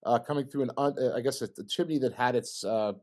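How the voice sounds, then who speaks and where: A man's voice: mid-range voice, fast, a little mellow. A middle-aged man presenting a talk with slides at an engineering meeting, joking and putting questions to the audience. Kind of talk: informal technical talk with slides.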